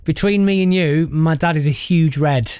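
A man's voice: a little high, moderate pace, a little mellow, slight background noise. A man from South Yorkshire hosting a radio phone-in and reading the news headlines in a studio. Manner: chatty, then crisp newsreading. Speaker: radio presenter. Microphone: studio microphone.

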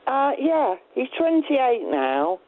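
A woman's voice: sits high, big pitch swings, slow. A middle-aged woman calling in to a talk show over a landline phone, speaking in an earnest, matter-of-fact way. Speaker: radio phone-in caller. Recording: tinny landline phone line.

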